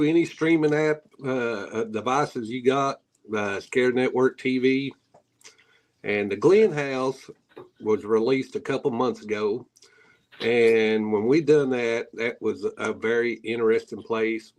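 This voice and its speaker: A guest paranormal investigator, middle-aged, chats his way through folksy tales in an interview, his Appalachian hillbilly drawl full of rural grammar and rambling turns. The voice is mid-range and a little mellow, with a measured pace.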